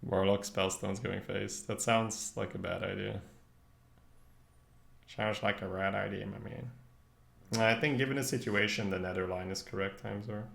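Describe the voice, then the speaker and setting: This game streamer is a young Dutch-native man talking through his live gameplay in loose, slangy English, musing aloud at his desk in front of a streaming webcam indoors. His fairly low voice is gravelly and a bit bright, holding a steady tone at a moderate pace. Faint background noise and a roomy echo fill the audio.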